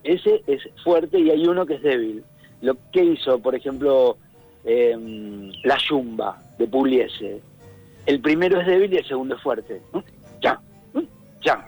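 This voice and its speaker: Heard over a phone line during a radio broadcast with faint music, this middle-aged Rioplatense-accented columnist talks casually and a little slowly. His mid-range voice has a darkish, breathy tone, and the recording is rough. He is thoughtful, searches for words, and now and then hums a rhythm.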